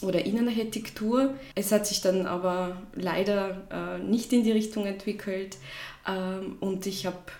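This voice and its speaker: A Russian woman in her thirties, a native speaker and shop founder, reflects hesitantly on her personal story as a podcast guest. Her mid-range voice is darkish and steady at a moderate pace, with roomy echo and faint background noise.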